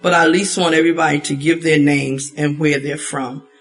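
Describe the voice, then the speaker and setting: Gravelly woman from baltimore running a church meeting, loose and rambly, lots of ums. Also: low-pitched, fairly quick, soft background music. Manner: relaxed, rambling, with fillers. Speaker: ministry leader. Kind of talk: leading a church gathering.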